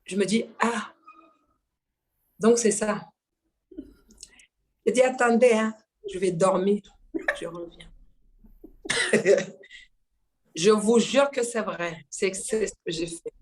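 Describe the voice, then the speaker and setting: A woman from Mayotte recounts her singing career in a relaxed interview. She talks with bursts of laughter and acts out the voices of the people she quotes. Her pitch is of middle height for a woman. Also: slow pace, long pauses. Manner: lively, laughing, acts out dialogue. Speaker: guest singer. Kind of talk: casual storytelling interview.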